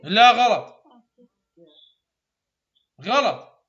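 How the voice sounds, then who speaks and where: A man with an Iraqi Arabic accent teaching English phonetics in a classroom. He repeats sounds slowly and praises his students often. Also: very high-pitched, big pitch swings, sharp tone, muffled recording. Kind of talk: classroom pronunciation drill.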